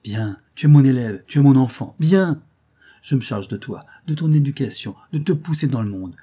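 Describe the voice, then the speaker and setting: A man's voice: mid-range voice, lively intonation, brisk, mellow, slightly rough. A man voicing an enthusiastic, effusive male music master in a storybook reading. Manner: effusive, exclamatory.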